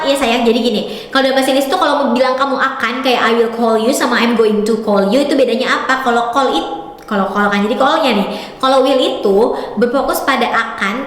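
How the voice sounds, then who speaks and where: Affectionate young female English teacher, high voice, recorded in a very reverberant room. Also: a bit bright. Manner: affectionate, calls students "sayang"; mixes English into her explanations. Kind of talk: explaining grammar in class. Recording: very echoey room with long reverb.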